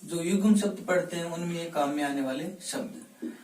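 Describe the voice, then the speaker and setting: A man teaching a Hindi lesson for exam preparation, reading out a word list slowly and distinctly, one word at a time. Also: on the high side, darkish tone. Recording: roomy and distant from the mic.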